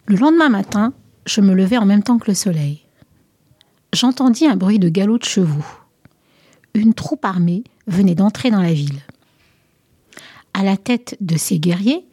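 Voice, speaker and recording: A woman reads a myth story aloud in a soft, often half-whispered voice. Her tone is mellow and breathy. The sound is close and dry. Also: mid-range voice, dry recording. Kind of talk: scripted narration of a children's myth story.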